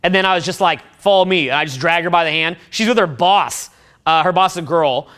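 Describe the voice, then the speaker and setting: A man with a high voice tells crude, boastful stories to a room of men. He swears freely and laughs at his own lines as he coaches them on picking up women. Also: brisk, pushed and bright. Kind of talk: profane talk to a room of men.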